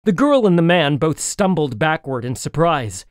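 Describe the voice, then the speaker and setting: Male audiobook narrator, fairly high and very animated, dry studio sound. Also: moderate pace, clean tone, dry recording. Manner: expressive, lively storytelling. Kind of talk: first-person audiobook narration.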